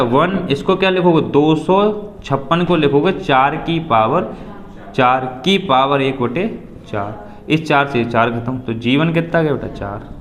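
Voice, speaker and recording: A man's voice: a little high, a bit bright, echoey room. A man teaching a live maths class, patiently walking students through each step and repeating key points. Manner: patient, calls students 'beta', repeats steps.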